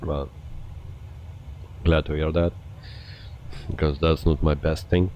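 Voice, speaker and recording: A man hosting a flight simulator live stream, chatting casually with viewers and often pausing with hesitations. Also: a bass voice, muffled recording, a little hiss or hum. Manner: relaxed, chatty, frequent hesitations. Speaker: flight sim livestreamer.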